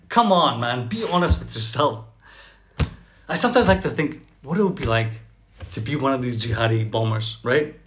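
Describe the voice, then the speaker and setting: A brash male comedian delivering a sarcastic stand-up rant. His voice sits somewhat high and jumps up sharply for emphasis, with a faint hiss of noise under it. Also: a bit bright. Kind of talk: stand-up monologue.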